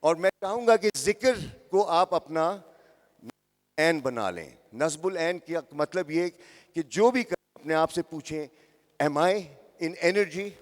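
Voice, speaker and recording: A man's voice: on the high side, animated, takes it slowly. A man in his sixties giving a motivational talk to young people, addressing the crowd directly and repeating phrases for emphasis. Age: 60s. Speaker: motivational speaker. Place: large hall with live audience. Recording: echoey hall.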